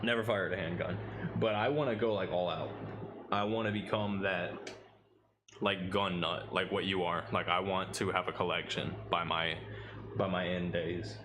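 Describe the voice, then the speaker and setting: A man's voice: low voice, steady tone, moderate pace, noisy background. A man in his late twenties chatting casually and profanely while playing a game, rambling between rounds. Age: 20s. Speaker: streamer. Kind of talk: casual chat while gaming.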